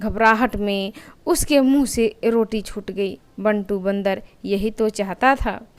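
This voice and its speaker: A woman narrating a children's moral story in a gentle, even storytelling manner. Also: medium pitch, slow pace, clear, resonant tone.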